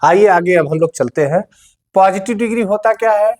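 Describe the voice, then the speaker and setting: A man's voice: high voice, normal speed, a little mellow. A male teacher giving a board-exam grammar lesson, explaining patiently, repeating key words and speaking straight to his students.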